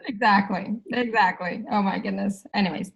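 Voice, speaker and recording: A woman's voice: medium pitch, fairly even intonation, moderate pace, vocal fry, fairly bright tone, dull audio. A woman from India who grew up in Canada, leading a workshop in a chatty, easygoing way with frequent "right?" asides. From India, raised in Canada. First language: Hindi. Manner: chatty, laughs often, says "right?" a lot. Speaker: facilitator leading clearings. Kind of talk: casual workshop talk in English.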